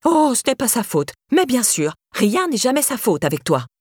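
A woman's voice: mid-range voice, expressive, normal speed, a little mellow, no echo, studio quality, lightly acted. A woman voicing a scornful, hard-faced stepmother who sneers and needles. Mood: contemptuous.

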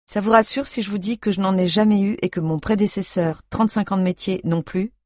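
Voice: medium pitch, fairly even intonation, fairly quick, darkish tone, no echo, studio quality, voice pushed up, lightly acted. A reader doing a grumpy, sardonic doctor. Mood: dry. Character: grumpy man, a dry-humoured doctor.

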